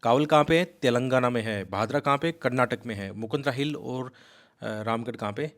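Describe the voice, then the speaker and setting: A man giving a rapid, emphatic exam-prep lecture, coaxing his students and mixing in English words. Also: mid-range voice. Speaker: civil service exam coaching teacher. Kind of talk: fast explanatory lecture.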